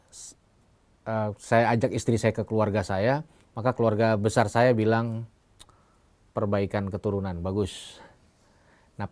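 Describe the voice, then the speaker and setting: A man's voice: lowish voice, warm tone, no echo. A man from eastern Indonesia preaching to young people, speaking right to them and telling humorous stories. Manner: humorous storytelling, direct address to the listeners.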